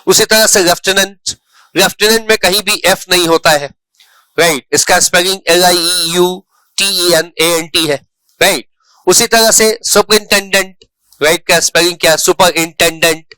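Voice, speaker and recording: An English teacher's high, steady voice sounds pushed, bright, and clean, with no room sound, as he teaches spelling online. He explains at a slow pace, repeats words, and regularly checks in by saying "right."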